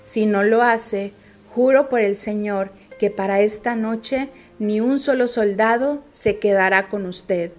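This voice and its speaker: A woman's voice: mid-range voice, slow, a little mellow, faint music behind, close to an everyday voice. A woman reading as a blunt army commander. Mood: reproachful. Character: stern male army commander, blunt and reproachful.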